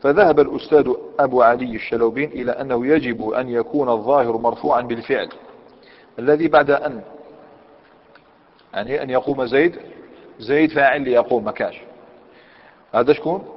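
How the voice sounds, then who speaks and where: A man's voice: mid-range voice, fairly quick, long pauses. A man with an Algerian Arabic accent teaching a grammar lesson. He quizzes his students, repeats key points, and reads a commentary aloud before explaining it. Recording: echoey hall, dull lo-fi sound.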